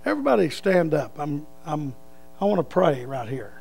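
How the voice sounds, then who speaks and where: An older man preaches in a high-pitched, gravelly voice. He tells stories in a folksy way and leads prayer, his volume rising and falling. Faint instrumental music sits underneath. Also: big pitch swings, moderate pace. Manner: folksy, swings between loud and hushed. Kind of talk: sermon with storytelling and prayer.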